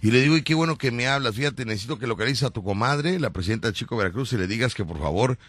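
Animated Mexican radio host man. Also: medium pitch, racing, slightly rough, no echo. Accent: Mexican Spanish. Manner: animated storytelling, acts out quotes. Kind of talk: casual radio banter.

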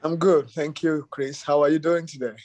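Ugandan-born man, relaxed interview guest. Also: fairly high pitch, moderate pace, no room sound. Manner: relaxed, many fillers like "you know" and "um". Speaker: youth soccer academy director, guest. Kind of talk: casual interview.

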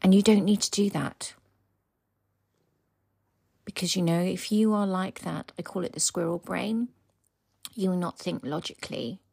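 A woman hosting a motivational coaching podcast from home, speaking earnestly and dropping into soft whispers for emphasis. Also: on the low side, a little slow, gravelly, long pauses, slightly rough, no room sound. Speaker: podcast host and embodiment coach. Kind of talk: motivational solo podcast talk. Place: home, with her dog beside her.

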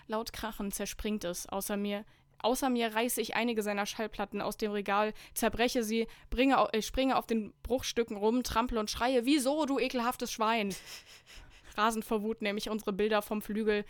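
A woman's voice: mid-range voice, level tone, moderate pace, smooth, no room sound. A young woman co-hosting a podcast, reading fanfiction aloud with dry, mocking commentary and skipping parts with "bla bla". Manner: mocking, skips passages with "bla bla". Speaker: podcast co-host.

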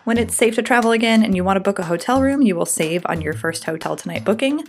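A woman's voice: medium pitch, quick pace, a little hiss or hum. A woman hosting a podcast, reading ads and chatting casually with a guest in an upbeat way. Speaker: podcast host. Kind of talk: casual podcast chat and ad reads. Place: home in Brooklyn.

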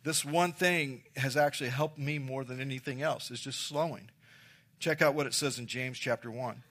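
A man's voice: mid-range voice, normal speed, a bit bright. A man preaching a sermon as pastor, emphatic, repeating key phrases and addressing the congregation directly.

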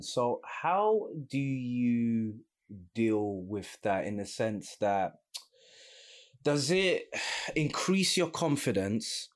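A man in the interviewer's seat, his pitch sitting in an ordinary middle range. He builds each question slowly, backing up and rephrasing before he gets to the point. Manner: long, meandering questions with restarts.

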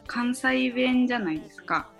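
A woman's voice: a little high, lively intonation, normal speed, gravelly, faint music behind. Polite, giggly woman on a podcast. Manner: polite, giggly, laughs often. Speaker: podcast member. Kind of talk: casual chat.

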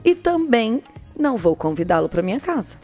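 Soft background music plays as a podcast host with a Brazilian Portuguese accent casually and playfully tells a listener's dating story in colloquial language, acting out the dialogue as she goes. Her voice is a little high and sing-song with a darkish tone, at normal speed. It's casual comic storytelling chat.

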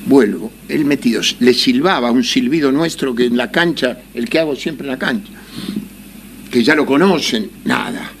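A man's voice: mid-range voice, normal speed, gravelly, a little hiss or hum. A man with an Argentine accent telling a casual anecdote, laughing often and acting out the voices of people in his story. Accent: Argentine Spanish.

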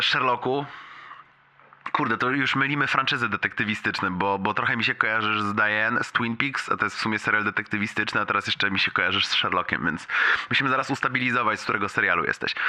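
A man's voice: on the low side, sharp tone. A man in his late twenties leaving a casual, rambling, chatty voice message for a friend, self-ironic and given to chuckling, with slang and bits of English. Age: late 20s.

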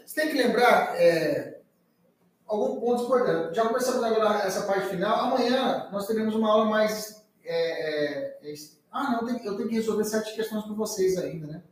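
A man's voice: high-pitched, moderate pace, slight background noise. A man teaching a live online exam-prep class in a chatty, informal way, often tagging sentences with a questioning 'tá?'. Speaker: law teacher. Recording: very echoey room, far from the mic.

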